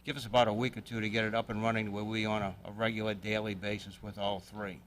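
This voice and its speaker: A man, a police chief giving an earnest, deliberate public address in a city council chamber. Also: lowish voice, little pitch movement, a bit bright, slight background noise. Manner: earnest, deliberate, plain-spoken.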